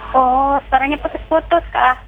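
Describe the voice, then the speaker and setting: A woman's voice: high-pitched, steady tone, normal speed. A woman calling into a radio show over a glitching, breaking-up phone line, repeating short test greetings. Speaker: radio caller. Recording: dull lo-fi call line with faint noise.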